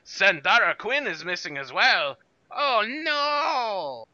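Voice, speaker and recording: A man's voice: fairly high pitch, sing-song, measured pace, sharp tone, dry recording, lo-fi sound, voice pushed up, exaggerated voice. A man voicing a pompous, overly courteous sailor dandy with a mustache-twirling villain's theatrical flourish. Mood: alarmed.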